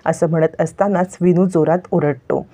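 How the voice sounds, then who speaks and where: A woman narrates a television serial episode as a spoken story, stepping briefly into each character's lines. Her voice sits a little low and sounds mellow and warm. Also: fairly even intonation, moderate pace. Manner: retells scenes, voicing each character's lines lightly.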